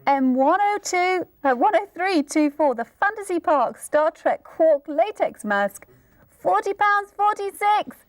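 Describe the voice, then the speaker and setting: A woman's voice: very high-pitched, lively intonation, a little slow. A woman presenting on a shopping channel, chatty and giggly as she reads out item numbers and prices. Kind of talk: live sales presentation. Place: TV studio.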